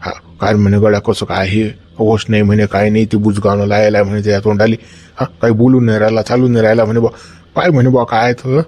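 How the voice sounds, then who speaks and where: A man's voice: lowish voice, little pitch movement, fast talker, a little mellow, close to an everyday voice. A man playing a worried, talkative village uncle in a comedy sketch, speaking. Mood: chatty. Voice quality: rustic, coaxing, talkative. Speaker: village elder visiting hospital.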